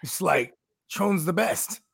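A man in his thirties with a gravelly, husky voice, rambling through stories in casual chat as a co-host, full of "you know what I mean.". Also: sits high, expressive, a little slow, fairly bright tone, no room sound, clean studio sound. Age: 30s. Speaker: podcast co-host.

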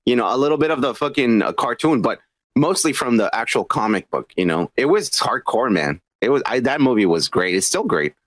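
A man's voice: mid-range voice, lively intonation, a little fast, fairly bright tone. A man co-hosting a casual podcast, profane and rambling, laughing often. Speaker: podcast co-host.

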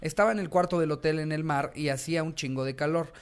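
A young man with a Mexican accent, co-hosting a casual podcast, slangy and quick to laugh while reading out listener stories. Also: on the high side, smooth. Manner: laughing, slangy, acts out voices. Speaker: podcast co-host.

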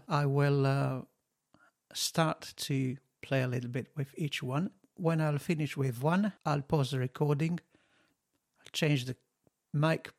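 At a home studio desk, a gravelly-voiced man on the high side tests his podcast microphones, speaking close into a dynamic studio mic. The casual talk is slow and halting, packed with fillers, and his phrasing is non-native.

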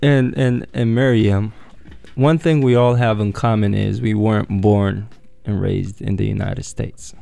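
A man from Yemen hosting a radio show, chatting in a relaxed way and telling stories. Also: fairly low pitch, measured pace, vocal fry, no echo. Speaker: radio host. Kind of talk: casual radio chat. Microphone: studio microphone.

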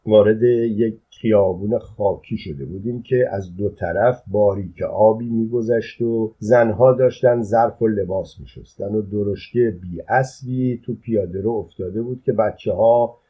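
Low, husky male storyteller. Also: few pauses. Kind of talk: first-person audiobook reading. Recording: dull lo-fi recording.

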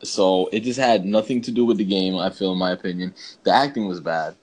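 A podcast co-host chats casually about ranking bad video game movies. His low, darkish voice moves briskly, and he talks in a slangy, emphatic, rambling way.

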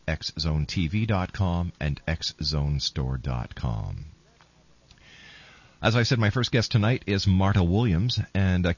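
Male talk radio host, low register, dry studio sound, dull lo-fi broadcast. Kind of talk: live show introduction with contact details and guest rundown.

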